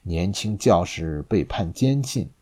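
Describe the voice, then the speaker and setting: A man voicing a grim executioner who speaks low, slow and solemn. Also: animated, darkish tone, exaggerated voice.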